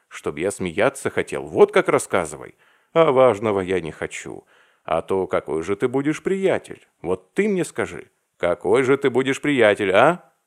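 A man voicing an excitable young male clerk who teases his friend loudly and exclaims a lot. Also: lowish voice. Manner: loud, teasing, exclamatory.

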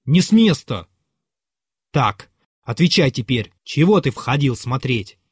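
A man reading the part of a bitter, poor man who rants furiously at his servant, loud and high-pitched. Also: big pitch swings, measured pace, husky, no room sound, studio quality. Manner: loud, ranting and raised in pitch.

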